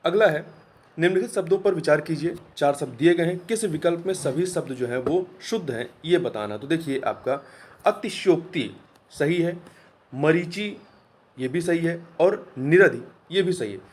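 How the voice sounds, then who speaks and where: A man's voice: on the high side, animated, moderate pace. A man teaching an exam-prep lesson, explaining answers patiently and repeating key words. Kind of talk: spoken lesson.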